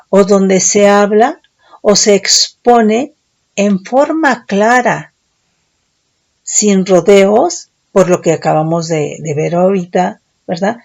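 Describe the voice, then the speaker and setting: Woman Bible teacher, slow deliberate sermon delivery, warm gravelly tone, keeps checking in with listeners. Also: medium pitch.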